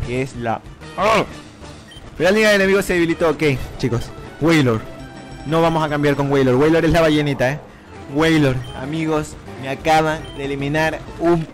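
An excitable man commentates a video game run, cheering on his moves and chatting to his viewers. His voice sits a little high for a man. Faint game music plays behind him. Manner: animated, repeats shouts and urges the game on; talks to viewers as "chicos". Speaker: gaming YouTuber. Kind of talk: excited Let's Play commentary.

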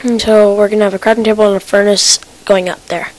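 A woman talks through her gaming session in loose, rambling commentary, thinking aloud and tripping over her words as she goes. She speaks at a middling pitch, close to a desk computer mic that catches soft keyboard clicks. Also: level tone, quick pace, rough recording. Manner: rambling, self-talking, with restarts and stutters. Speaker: gamer. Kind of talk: casual gameplay commentary. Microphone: desk computer mic picking up keyboard clicks.

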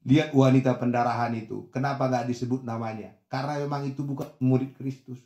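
A middle-aged male pastor preaching a lively sermon, acting out the voices in his stories and swinging from soft asides to shouts. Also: medium pitch, reverberant, lo-fi sound. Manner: animated, acts out voices of others in dialogue, swings from soft to shouting.

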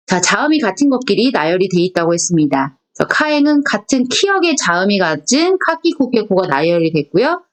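A woman from Korea teaching a Japanese class. She is patient, repeats each point, asks the class questions and sounds out syllables slowly one by one. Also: medium pitch. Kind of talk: recorded online class lecture.

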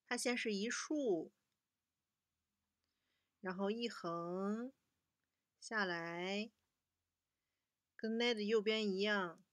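A young woman teaching a children's language lesson, patiently slowing down to model each word for repetition. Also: mid-range voice, dry recording, studio quality.

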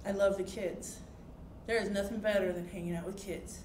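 A woman's voice: mid-range voice, steady tone, moderate pace, a little mellow. A woman in her thirties, a teacher education student, answering interview questions earnestly in a classroom and laughing easily. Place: classroom, indoors. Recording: echoey classroom with light noise.

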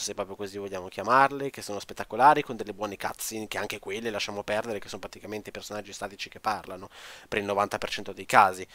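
A man's voice: lowish voice, a bit bright, dry recording. A man giving a blunt, opinionated game review to his viewers, ranting and swearing freely. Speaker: gaming video creator.

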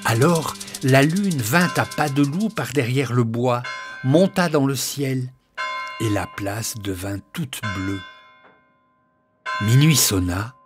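A man narrating a children's story in an expressive, lively storytelling manner that turns hushed in the calm passages. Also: mid-range voice.

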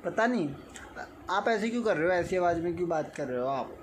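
A man's voice: high voice, animated, a little fast. Playful man vlogging at home. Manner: playful, coaxing talk with a small child. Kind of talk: casual home vlog chat. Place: family home indoors. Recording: noisy home recording.

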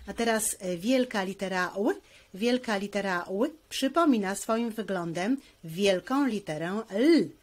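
A woman's voice: medium pitch, animated, unhurried. A woman teacher giving a handwriting lesson, explaining each stroke patiently, step by step.

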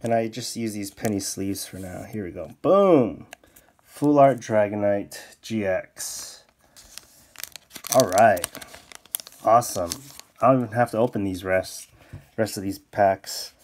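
A man casually commenting as he opens card packs off camera, bursting into high excited exclamations. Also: measured pace, pauses often. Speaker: card-opening YouTuber. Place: indoors at a desk, off camera.

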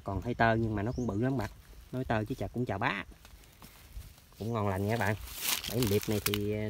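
Chatty, fast-talking man outdoors. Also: lowish voice. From southern Vietnam. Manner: chatty, addresses viewers constantly. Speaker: trapping vlogger. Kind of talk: casual outdoor vlog narration. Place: outdoors in rural orchards and canal banks. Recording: noisy outdoor field recording.

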